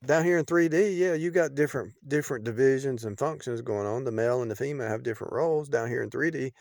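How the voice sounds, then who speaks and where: A middle-aged man talking in an unscripted, rambling preaching monologue, repeating phrases and restarting sentences, often dropping in loudness. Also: mid-range voice, fast, gravelly, no echo, studio quality.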